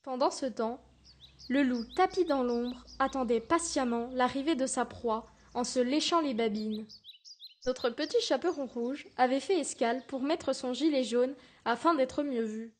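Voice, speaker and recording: Young female narrator for a class storybook, high pitch, steady reading. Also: a little slow.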